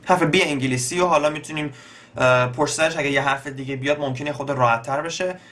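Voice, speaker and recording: A young man with an Iranian Persian accent teaches beatbox basics in a relaxed spoken tutorial. His voice is slightly high for a man, and he often pauses to find words, using lots of fillers. He moves through the material step by step at an unhurried pace.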